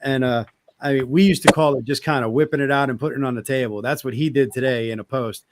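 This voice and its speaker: A middle-aged American man chatting casually in a blunt, animated way with plenty of swearing. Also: medium pitch, quick pace. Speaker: participant in arm wrestling live chat. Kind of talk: casual chat.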